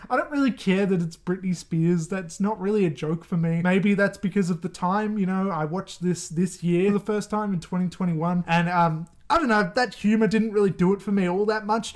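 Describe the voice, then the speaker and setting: Guy with a pretty high voice rambling on about horror flicks, laughs a lot, super casual. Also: a little mellow. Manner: chatty, rambling, laughs often. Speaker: horror movie YouTuber. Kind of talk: casual ranking commentary.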